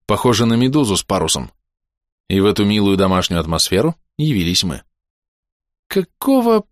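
A man reads a first-person fantasy audiobook in a low voice. His pitch moves a lot as he tells it with a wry touch. The recording is dry and close, with no room. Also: animated, fast, no room sound. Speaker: audiobook narrator.

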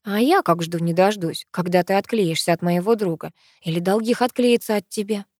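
A woman voicing a sharp-tongued, jealous young woman who talks sarcastically. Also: mid-range voice, normal speed, no room sound, studio quality, natural voice. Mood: sarcastic. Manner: sarcastic, indignant.

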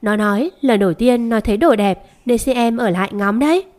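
A woman's voice: a little high, brisk, a little mellow, lightly acted. Deceitful sweet-talking young wife, as a woman narrator plays her. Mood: fawning.

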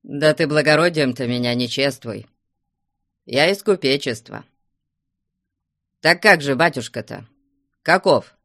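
A man's voice: mid-range voice, measured pace, pauses often, fairly bright tone, no room sound, clean studio sound. A man voicing a young merchant who coaxes a surly watchman with drink. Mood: coaxing. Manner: hailing and coaxing, offering drink.

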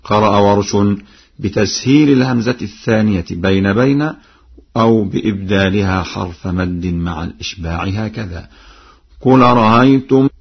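A man from Egypt giving a broadcast lesson on Quran reading variants, explaining in a measured way and chanting verse examples. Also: lowish voice, vocal fry, breathy edge. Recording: lo-fi radio broadcast.

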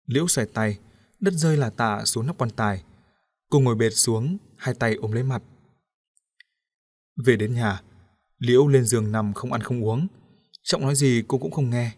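A man narrating an audiobook story in a steady, even storytelling manner. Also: medium pitch, moderate pace, pauses often.

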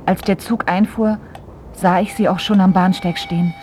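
An actress in a radio drama plays a young adult daughter, blunt and exasperated at being smothered by her father, in both dialogue and narration. Her mid-range voice is slightly mellow, with fairly even intonation and normal speed. She narrates wryly and speaks curtly, lightly acted, with a bit of hiss or hum.

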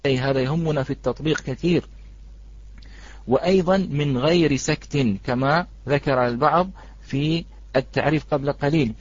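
A man teaching a Quran recitation lesson, patiently repeating his points and slowly reciting examples. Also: fairly high pitch, no echo. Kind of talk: online tajweed lesson. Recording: dry, slightly dull.

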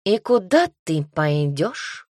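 A woman voicing a plump, cunning ginger talking cat who speaks in slow, drawn-out, wailing pleas. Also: sits low, sing-song, a little mellow, dry recording, studio quality, heavily acted. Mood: purring.

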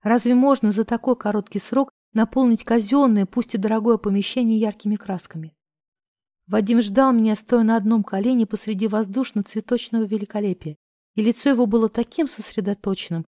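A woman's voice: fairly high pitch, fairly even intonation, fairly quick, mellow, no echo, clean studio sound. A woman narrating a first-person novel in an emotive, heartfelt way. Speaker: audiobook narrator.

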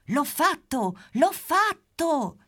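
A woman voicing a huge, cheerful prehistoric female bee in a storybook, drawn out and squeaky. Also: huge pitch swings, takes it slowly, breathy edge, full character voice. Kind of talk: storybook character voice.

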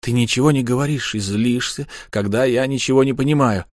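A man's voice: medium pitch, fairly quick, darkish tone, dry recording, clean studio sound, close to an everyday voice. A man playing a tormented, grim warrior husband. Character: brooding male alien warrior husband, tormented, stern.

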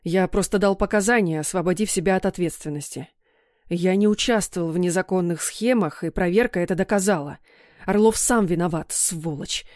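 A woman doing a grumbly, cornered dad voice for an audiobook, low and dry. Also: a little fast, darkish tone, no room sound, close to an everyday voice. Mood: grim. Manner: gruff, grumbling. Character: troubled middle-aged father, gruff and defensive.

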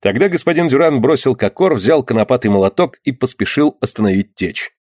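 A man reading an audiobook aloud in a measured, steady narrating voice. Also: mid-range voice, no room sound, studio quality.

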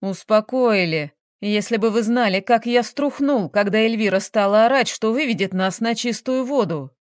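A woman reads a flustered middle-aged businessman who blusters and whines when cornered. The delivery is slow and deliberate. The sound is dry and close, with no room around it. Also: fairly high pitch, no echo, close to an everyday voice. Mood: defensive. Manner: agitated, blustering, whining.

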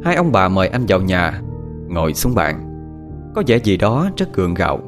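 A man with a Southern Vietnamese accent narrating a ghost story in a dramatic, expressive way. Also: deep voice, moderate pace, over music.

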